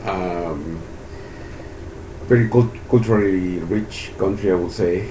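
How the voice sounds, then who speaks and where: A man in his sixties from Peru, a Spanish speaker answering oral history questions about his life in a halting way with many restarts. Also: low voice. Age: 60s. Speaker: interviewee, university economist. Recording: steady background hiss.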